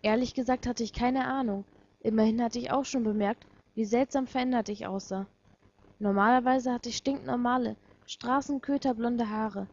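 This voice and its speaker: A woman reading a first-person fan story aloud in a measured, quiet and reflective way. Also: fairly high pitch, fairly even intonation, dull audio.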